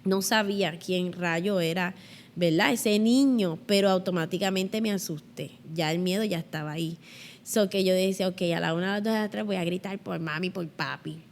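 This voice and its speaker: A woman's voice: lowish voice, moderate pace. A middle-aged woman with a Puerto Rican accent, a guest telling childhood stories in an interview and acting out the voices in them. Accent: Puerto Rican Spanish. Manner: animated, acts out childhood voices. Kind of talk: storytelling in an interview.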